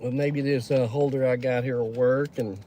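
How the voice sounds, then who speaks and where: A man's voice: mid-range voice, steady tone, normal speed, mellow, slight background noise. A Texan man hosting a casual livestream, chatting in a folksy way and greeting viewers by name. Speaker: livestream host. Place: pickup truck.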